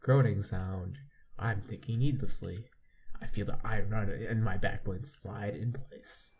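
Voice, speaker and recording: Hosting a game playthrough, this man reads the text out loud and adds his own comments, frequently tripping over words and going back to repeat the ones he misread. His voice is on the low side, steady and darkish, with slight background noise.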